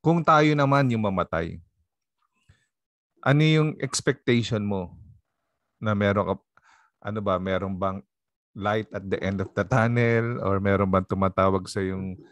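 A man's voice: lowish voice, a little slow, long pauses, no echo. A man, a pastor, leading an online Bible study on a video call, asking the group questions politely and prompting them to answer.

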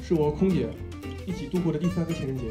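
A man with a high voice tells a stand-up routine on a small club stage. The room echoes and music plays clearly behind him. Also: fast. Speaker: stand-up comedian, club owner. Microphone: handheld or stand stage microphone.

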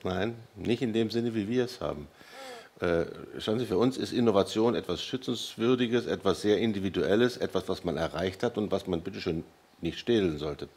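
Low-voiced measured professor. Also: male voice, a little mellow, husky. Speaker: professor, expert guest. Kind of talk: studio discussion.

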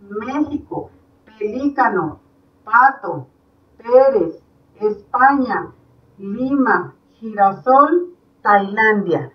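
Patient Mexican teacher, slow and clear. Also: female voice, on the high side, far from the mic. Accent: Mexican Spanish. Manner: slow, patient, explaining step by step. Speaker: primary school teacher. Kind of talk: online class for young children. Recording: dull sound from off the mic.

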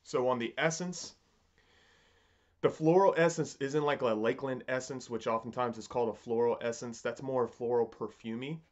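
A man in his thirties giving a casual, unscripted review in a halting, musing way, often rephrasing himself, recorded at a desk in a home study. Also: medium pitch, steady tone, highs cut off. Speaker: pipe tobacco reviewer.

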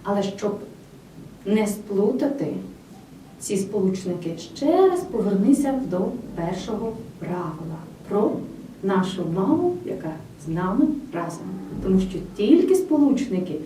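A woman giving a scripted grammar lesson, speaking clearly and with emphasis straight to the student. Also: mid-range voice, big pitch swings, a little slow, warm tone. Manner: clear, emphatic teacher's delivery addressing the student directly. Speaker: language teacher. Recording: roomy, slightly distant with faint noise.

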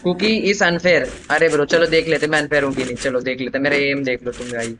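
A man's voice: on the high side, fairly even intonation, a little fast, noisy background. A young man livestreaming a shooter game, chatting and joking with teammates, switching between casual talk and English slang. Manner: joking, teasing banter with teammates, mixing in English phrases. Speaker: livestreaming gamer. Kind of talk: casual live gameplay commentary. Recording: game gunfire loud under voice. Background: game gunshots and machine-gun fire.

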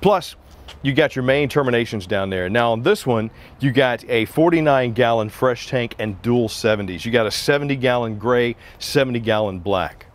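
A man in his forties shows an RV on an outdoor sales lot, his medium-pitched voice expressive and at a normal speed. Through a lapel mic, he delivers a walkaround review with casual, upbeat salesman patter.

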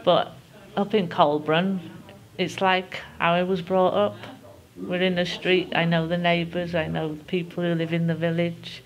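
Woman in her sixties, Manchester accent, low voice, fond reminiscing, interview. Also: level tone, unhurried, lo-fi sound. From England. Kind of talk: casual interview.

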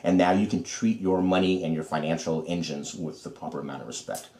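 A man's voice: low voice, fairly quick, a little mellow, reverberant. A man co-hosting a podcast, giving folksy, repetitive advice in casual chat. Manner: folksy, advice-giving, repeats himself with restarts. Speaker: podcast co-host.

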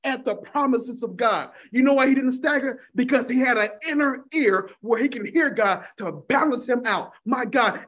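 A man preaching a fervent sermon, often crying out to God and calling the congregation "honey". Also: very high-pitched.

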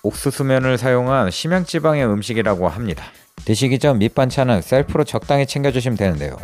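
A man's voice: medium pitch, animated, quick pace, darkish tone, faint music behind. A young adult man narrating a restaurant food review in an upbeat, descriptive way.

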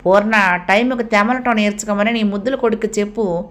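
A woman reading the lines of a gentle middle-aged father who mildly scolds his son. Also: medium pitch, steady tone, a little fast, natural voice. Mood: reproving. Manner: mildly reproving.

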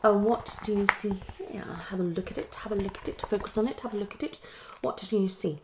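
There's background noise as a young woman, steady-toned, medium-pitched, and fast, plays a psychologist in unscripted ASMR. She's in a small room at home, sounding hesitant and questioning while repeating short phrases.

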